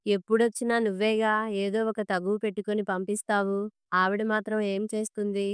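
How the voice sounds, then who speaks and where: A woman's voice: mid-range voice, flat delivery, brisk, smooth, no echo, clean studio sound, close to an everyday voice. A woman voicing an irritable middle-aged husband who answers curtly and impatiently. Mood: irritated. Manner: curt and impatient.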